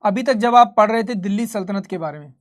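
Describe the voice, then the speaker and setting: A man's voice: sits high, fast. Man teaching a live class. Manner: conversational, quizzing students and answering his own questions. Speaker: history teacher. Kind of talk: live online class lecture.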